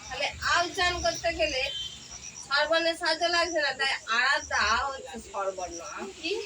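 Expressive and brisk, a high-voiced woman teaches children grammar, asking question after question and repeating what the pupils answer. The distant mic picks up plenty of outdoor noise: crickets, insects and vehicles going by.

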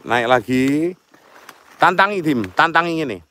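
A man's voice: on the high side, expressive, measured pace, pushed and bright, a little hiss or hum. A young man with an East Javanese accent guiding a night-time ghost hunt outdoors, coaxing his companion along and chanting greetings to spirits. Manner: coaxing, repeats prompts, laughs easily. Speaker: paranormal guide. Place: outdoors at night by a forest pool.

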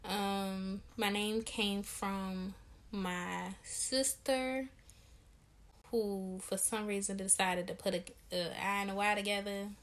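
A young woman in her twenties from Maryland talks through a casual Q&A vlog. Her manner is candid and slangy, with an easygoing, slightly tired delivery and a pitch in the middle of the usual range. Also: fairly even intonation, slow pace, fairly bright tone. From Maryland, USA. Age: 20s. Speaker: vlogger and lash business owner.

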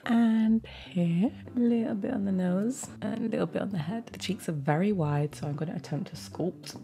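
A woman's voice: medium pitch, moderate pace, creaky. A young woman chatting casually and playfully through a makeup tutorial as a beauty vlogger. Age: young adult. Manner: playful, giggly, self-mocking. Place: indoors, plain room, close to the camera.

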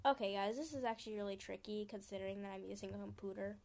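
A woman's voice: mid-range voice, quick pace, a little mellow, a little hiss or hum. A young woman YouTuber talking casually while playing a computer game, chatty and easily frustrated. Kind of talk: gaming commentary.

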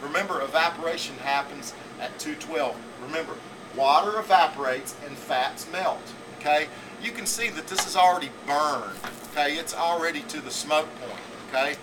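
A man's voice: on the high side, moderate pace. A man in his forties teaching a school cooking class, rambling and repeating himself, often checking in with "okay?", in a teaching kitchen. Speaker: culinary teacher. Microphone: camera mic from a few feet away. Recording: distant camera audio with air-conditioning hum.

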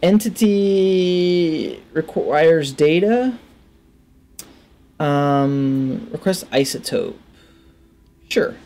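Drawing out his words and leaving long pauses, a gaming video host in his thirties speaks in a slightly high, expressive, mellow voice. He wears a headset and thinks aloud while playing, giving casual let's play commentary and reading the game's text.

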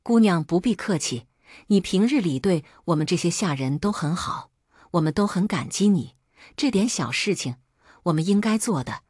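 A woman doing a brave young servant man, earnest and urging, husky voice, lively rise and fall, dry close sound. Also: on the low side, normal speed, no echo. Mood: gentle.

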